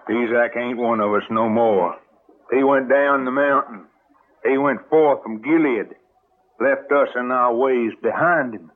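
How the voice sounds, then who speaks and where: A man's voice: medium pitch, unhurried, lightly acted. Actor as God-fearing, dour mountain father, rural American accent, 1960s radio play, thin narrow-band audio. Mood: defensive, resigned. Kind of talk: 1960s radio drama acting.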